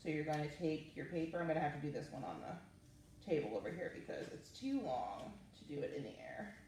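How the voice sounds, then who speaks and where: Deep-voiced, sing-song and a little mellow, a woman speaks slightly fast as she runs a story time and craft session for young children. She casually encourages them through each step. A distant microphone gives the recording a roomy feel and faint noise.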